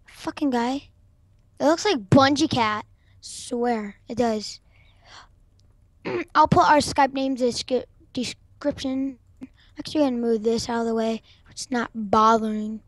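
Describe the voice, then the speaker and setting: A woman hosting a gaming video, excitable and swearing constantly as she plays and trash-talks opponents on a voice call. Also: fairly high pitch, measured pace, pauses often, no room sound. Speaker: gaming channel host. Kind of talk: casual gameplay commentary.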